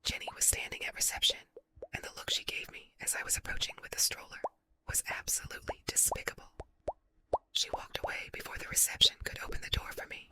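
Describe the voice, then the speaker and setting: A woman reading a story aloud as ASMR in a soft unvoiced whisper, layered into a doubled whisper track. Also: fairly quick. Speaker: story narrator.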